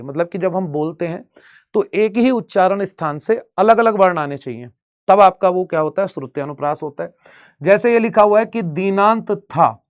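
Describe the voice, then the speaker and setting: High-voiced Hindi grammar teacher. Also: male voice. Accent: Bihari Hindi. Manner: explains step by step, asks students rhetorical questions. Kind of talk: exam-prep grammar lesson.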